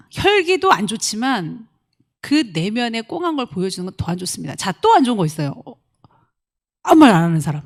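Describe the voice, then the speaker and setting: A woman pastor preaching a lively sermon, acting out quoted voices and swinging from loud outbursts to soft asides. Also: mid-range voice. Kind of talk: lively sermon with acted-out examples.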